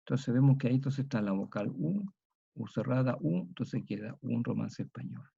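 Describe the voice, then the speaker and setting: A man with a Chilean accent gives a slow, patient lecture, repeating each key word aloud. His voice is mellow and dark, recorded dry and a little dull. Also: medium pitch, lively intonation, creaky, husky, no echo. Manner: slow, explanatory, repeats words for emphasis. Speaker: teacher.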